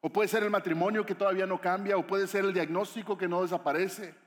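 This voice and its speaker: A man's voice: high-pitched, fairly even intonation, fast talker. A man preaching a sermon as a pastor, conversational and often asking his listeners questions. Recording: echoey hall reverb.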